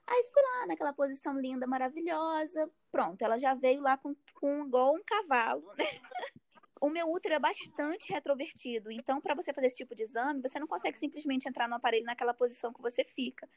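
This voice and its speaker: A woman in her thirties casually telling a personal story in an animated way, acting out her own cries and other people's words. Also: high voice, fast talker. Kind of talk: casual chat.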